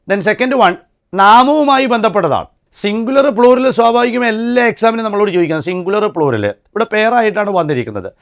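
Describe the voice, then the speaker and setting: A man teaching an exam-prep grammar lesson, asking questions and answering them himself, slowly spelling out letters and sounds. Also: high-pitched. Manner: asks and answers his own questions, repeats key words. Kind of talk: classroom-style grammar lesson.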